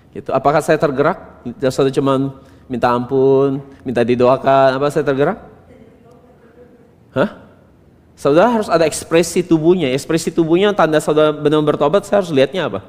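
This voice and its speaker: A male pastor preaching a sermon from Indonesia, asking rhetorical questions and swinging between quiet asides and loud emphatic bursts. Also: fairly high pitch. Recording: reverberant church hall.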